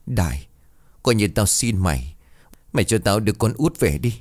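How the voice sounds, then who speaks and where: A man voicing a grieving, furious village mother who pleads and wails, raising his pitch for her. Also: big pitch swings, normal speed, no echo. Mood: anguished. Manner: shrill, pleading, wailing.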